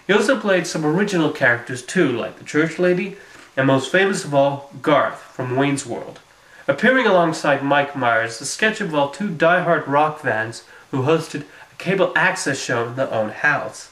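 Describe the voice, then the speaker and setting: A man's voice: on the high side, expressive, moderate pace, fairly bright tone. A man narrating a scripted film review in a dry, sarcastic way. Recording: roomy echo.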